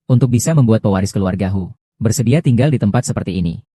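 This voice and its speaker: A man reading every part of a dubbed drama in a plain, even way. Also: lowish voice, fast, dry recording, clean studio sound.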